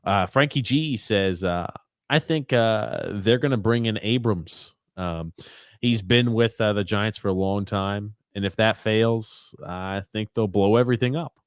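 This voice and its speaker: Low-voiced man reading listener comments, dry sound. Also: a little slow, smooth, dry recording. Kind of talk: casual sports chat, reading comments aloud.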